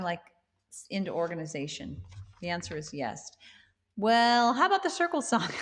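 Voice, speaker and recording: A woman's voice: a little high, big-room sound. A woman singer-songwriter chatting casually with livestream viewers, rambling and amused at herself. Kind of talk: casual chat with live viewers.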